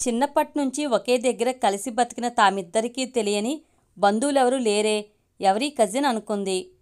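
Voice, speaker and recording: A woman storyteller reading a family story aloud in an even, measured way. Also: a little high, clean tone.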